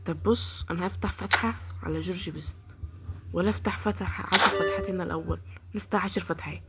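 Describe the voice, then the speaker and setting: A gaming YouTuber with an Egyptian Arabic accent gives live gameplay commentary over loud music, pleading and grumbling about her luck with each pack she opens. Her voice is fairly low and steady, and she talks quickly.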